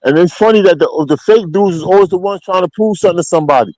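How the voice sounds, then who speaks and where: A man's voice: sits high, fast, a little mellow, dry recording, low-quality recording. A man from Queens with a New York accent, telling street stories as a guest in a blunt, slangy, emphatic way. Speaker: interview guest. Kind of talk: casual street storytelling.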